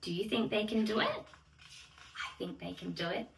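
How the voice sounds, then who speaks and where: A woman with a gravelly, medium-pitched voice reads a bedtime story aloud to small children at a measured pace, theatrical and sing-song, speaking straight to her young listeners. The distant microphone picks up a roomy echo.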